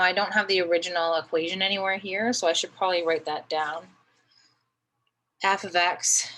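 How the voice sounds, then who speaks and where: Low-voiced woman explaining math step by step. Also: bright, forceful tone, low-quality recording. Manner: patient, talks through each step, often adds "right?". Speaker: math teacher.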